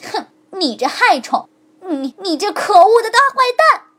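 A woman's voice: sits high, measured pace, voice pushed up. A woman doing a small scolding talking bone. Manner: shouting, scolding.

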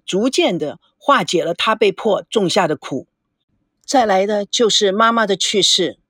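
A woman voicing a gentle, reflective young man in an audiobook, speaking calmly in a lowered voice. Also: breathy edge, dry recording, studio quality, heavily acted. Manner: calm, earnest, lowered voice.

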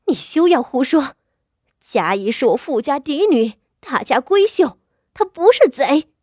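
A woman's voice: high-pitched, big pitch swings, a little slow, a little mellow, no room sound, studio quality, voice pushed up. A woman voicing a wronged wife and mother who pleads and protests through tears. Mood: defiant. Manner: pleading, rising to sobs.

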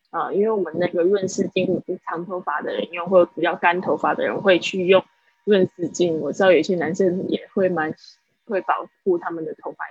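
A woman teaching English vocabulary on a livestream, explaining patiently and drilling pronunciation slowly. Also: on the low side, creaky, husky, dry recording. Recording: dull, lo-fi livestream audio.

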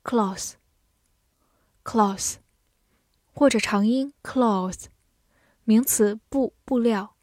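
A woman teacher reviewing vocabulary, saying each word twice in a clear, careful way before giving its meaning. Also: on the high side, fairly even intonation, a little slow, few pauses, dark tone.

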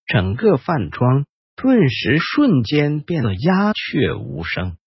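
A man hosting and narrating a ghost story in a slow, hushed storytelling manner. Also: medium pitch, wildly swooping pitch, slightly rough, dry recording, dull audio. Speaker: host and storyteller.

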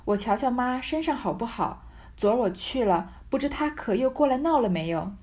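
Woman reading a sharp-tongued young noblewoman from a classic novel, clipped and reproachful. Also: on the high side, animated, normal speed, close to an everyday voice. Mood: worried. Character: proud young lady, tearful but sharp-tongued.

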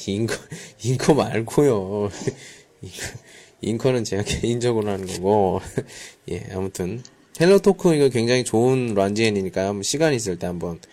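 A Korean language teacher hosts a live, conversational online class, slipping in Mandarin words and often murmuring brief acknowledgments to his learners. His voice is fairly low, warm and expressive, moving at a normal speed.

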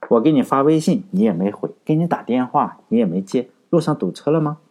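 A man voicing a playful young woman who teases her boyfriend, in a husky voice. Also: medium pitch, lively intonation, a little fast, a little mellow, natural voice. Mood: teasing. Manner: teasing.

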